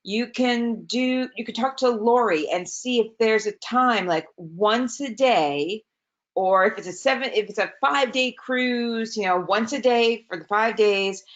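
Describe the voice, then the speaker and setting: A woman's voice: fairly high pitch, measured pace. Chatty woman teaching a webinar. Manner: chatty, self-correcting, lively asides. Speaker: webinar trainer. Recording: slightly dull, lo-fi webinar audio.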